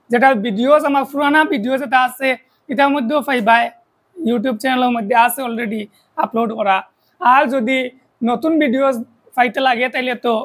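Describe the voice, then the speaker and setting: A woman's voice: sits high, poor audio. A woman with a Sylheti accent teaching a math lesson for an online video, explaining step by step and often checking in with rhetorical questions.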